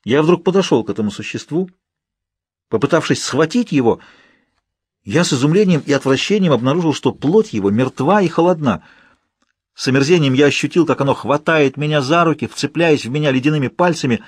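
A man narrating an audiobook in the first person, with steady, measured storytelling. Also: fairly high pitch, husky, no echo, clean studio sound.

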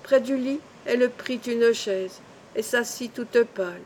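A woman reading a poem aloud in a measured, solemn recitation. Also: on the high side, a little mellow, slight background noise. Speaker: reader. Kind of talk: poetry reading.

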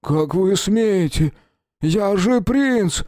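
Man voicing an arrogant prince, high, loud, shrill, slow haughty delivery. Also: lively intonation, no room sound, clean studio sound, heavily acted. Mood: outraged. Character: arrogant spoiled young prince, violent.

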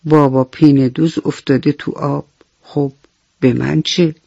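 A fussy little grasshopper who can't be bothered with anyone else's problems, put on by a man. The voice rides high and a touch gravelly, in a bedtime radio tale heard on a dry, slightly dull recording. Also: little pitch movement, no room sound. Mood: indifferent. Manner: shouts out of a window, then shrugs others off. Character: fussy self-centred male grasshopper.

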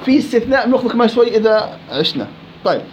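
A man with an extremely high-pitched voice and a Levantine Arabic accent races through a live class on Quran recitation rules, quizzing and teasing his students in a lively way. The classroom recording is dull and lo-fi, with a little hiss or hum.

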